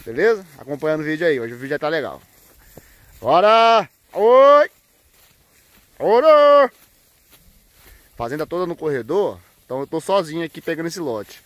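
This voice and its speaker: A man vlogging on a cattle farm, talking casually to viewers and breaking off to yell loud herding calls at the cows. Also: on the high side, very fast, hardly any pauses. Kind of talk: casual farm vlog narration. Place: outdoors on a cattle farm, by the corrals.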